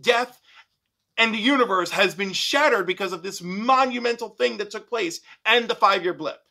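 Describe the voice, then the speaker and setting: A man's voice: high voice, moderate pace, creaky, sharp tone. A man co-hosting a casual review podcast, arguing his point emphatically and repeating words for stress. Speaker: podcast co-host.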